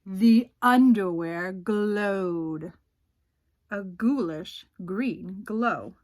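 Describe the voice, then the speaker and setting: Speaking at a medium pitch, a woman acts as storyteller for a children's picture book. She reads expressively and dramatically, letting the suspense hang.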